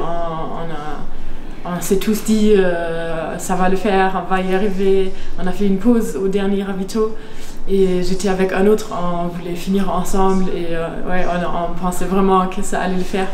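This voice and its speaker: A young woman chatting casually in an interview, with a hesitant, pausing delivery. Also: fairly low pitch, steady tone, darkish tone. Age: young adult. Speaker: amateur ultra-cyclist being interviewed. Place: indoor room in front of event backdrop. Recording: echoey room, clear background noise.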